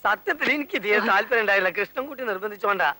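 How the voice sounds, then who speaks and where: A brash matchmaker blusters and boasts in a film comedy. His voice is high and very bright and sharp, with a dry, close sound. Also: expressive, racing, no room sound, full character voice, rough recording. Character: brazen, boastful man who arranges marriages. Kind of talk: 1990s film comedy dialogue.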